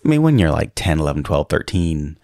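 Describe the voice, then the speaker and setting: Deep-voiced pastor, unhurried. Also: male voice, very animated, a little mellow, no echo, studio quality. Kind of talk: casual conversation.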